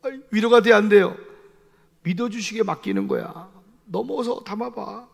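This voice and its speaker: A male pastor preaching a sermon, telling a personal story in an animated, emphatic way with lots of repeated fillers. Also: high voice, normal speed, gravelly, in a large hall. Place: church sanctuary.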